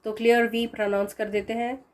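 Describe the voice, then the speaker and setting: A woman teaching Quran pronunciation, drawing out each example sound slowly and explaining common mistakes. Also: a little high, flat delivery, a little mellow. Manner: slow, drawn-out demonstration of sounds. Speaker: tajweed teacher.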